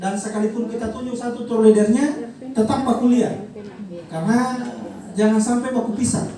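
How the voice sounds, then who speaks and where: A travel agency director with a North Maluku accent, briefing a group of pilgrims at a send-off event, explaining with many pauses, fillers and repeated details. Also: medium pitch, fairly even intonation. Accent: North Maluku (Ternate Malay). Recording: very echoey hall, distant mic, crowd behind.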